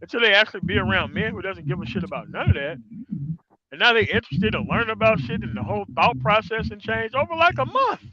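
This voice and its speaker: A man hosting a casual livestream chat, profane and animated, laughing often. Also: high-pitched, quick pace, a crowd in the background. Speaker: livestream host. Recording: dull, dry lo-fi audio.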